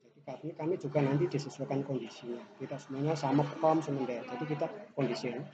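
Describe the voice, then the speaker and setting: A man's voice: medium pitch, steady tone, fast talker. Man, clinic therapist, explanatory and hesitant, muffled lo-fi sound. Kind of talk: casual interview answers. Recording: dull lo-fi audio with background noise.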